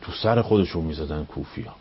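A man, a cleric, giving a storytelling religious lecture. He fires off rhetorical questions, climbs high when stirred and sinks to near-whispers. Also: husky. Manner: impassioned, rising up high on questions, then dropping to near-whispers. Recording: dull radio broadcast sound.

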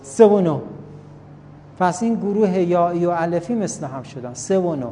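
A man teaches a grammar class, chanting verb conjugations over and over in a steady sing-song. His voice is soft and mellow, with a long reverb trailing after each word. A faint background hiss sits under the recording. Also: high voice. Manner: recites verb forms in repeated sing-song drills. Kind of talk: classroom lesson.

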